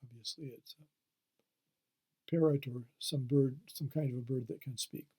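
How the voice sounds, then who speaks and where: A man's voice: mid-range voice, fairly even intonation, unhurried, dark tone, slightly rough. A man, a history professor, giving a recorded lecture, hesitant with many fillers and restarts.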